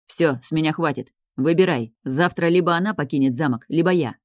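A woman's voice: low voice, a little fast, a little mellow, no echo, studio quality, lightly acted. A woman reading the lines of a furious young man, a mage who growls threats. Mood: cold, fed up. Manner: growling, menacing.

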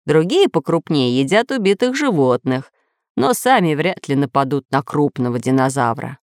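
A woman's voice: low-pitched, sing-song, moderate pace, a little mellow, no echo, studio quality. A woman voicing an old professor geographer who explains things enthusiastically. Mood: explaining.

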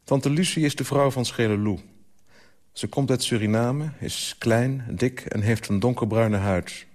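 An author reading his own literary story aloud for radio, in a calm, measured way. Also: mid-range voice.

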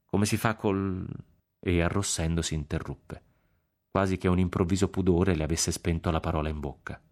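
Deep-voiced man reading a novel aloud. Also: fairly even intonation, a little fast, darkish tone. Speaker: audiobook reader on a radio program.

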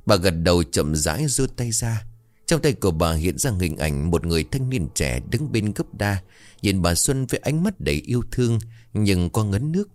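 A man's voice: deep voice, big pitch swings, normal speed, darkish tone, no echo. A man narrating a ghost story in a dramatic, suspenseful style.

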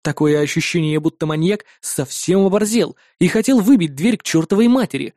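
Lady reading an audiobook story, mellow warm tone, dry close sound. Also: fairly low pitch, expressive, a little fast, no echo. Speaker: audiobook reader. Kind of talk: first-person scripted narration.

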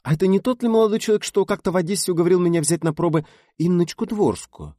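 A man's voice: high-pitched, fast, no echo, clean studio sound, pitched above the performer's own voice. A man voicing an older, sly and eager film director in an audiobook reading. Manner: lively, cunning, purring. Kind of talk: audiobook character voice.

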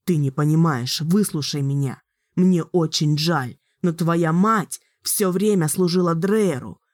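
A steady adult male hero, read by a woman in her own low voice who speaks firmly and tries to calm someone. The voice is deep for a woman. The sound is close and dry. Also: measured pace, no echo. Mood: firm pleading. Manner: firm, trying to calm. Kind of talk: audiobook character voice.

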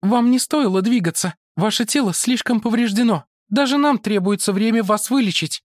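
A man's voice: sits high, moderate pace, no room sound, clean studio sound, pitched above the performer's own voice. A man voicing a stern, composed woman who leads a space rescue squad, in a formal, clipped manner. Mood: alarmed.

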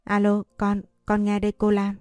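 A woman's voice: mid-range voice, steady tone, normal speed, mellow, no room sound, studio quality, soft background music, lightly acted. A woman reading a storybook voicing a frightened teenage servant girl who stammers and pleads. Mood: nervous.

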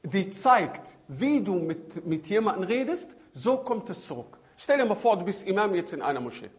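A man's voice: high-pitched, normal speed. A man giving a religious talk as a preacher, telling stories animatedly and adding Arabic religious phrases. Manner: animated storytelling with shifting emphasis. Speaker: Islamic preacher. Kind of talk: religious talk on child-rearing.

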